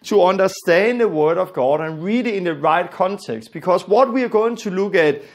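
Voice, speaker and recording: With a high-sitting voice, lively intonation and a moderate pace, a Danish man teaches the Bible in accented English, Danish being his first language. He is earnest and emphatic, and he keeps repeating the central phrases.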